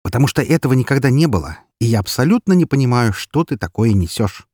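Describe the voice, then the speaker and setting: A man voicing a sly male financial swindler with smooth salesman's talk. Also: medium pitch, lively intonation, fast, darkish tone, dry recording, clean studio sound. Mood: snappish.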